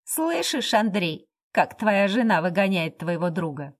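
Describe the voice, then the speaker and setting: A woman reading aloud, voicing a drunken, insolent man who shouts crude, mocking insults. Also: medium pitch, animated, measured pace, close to an everyday voice. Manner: loud, jeering, crude.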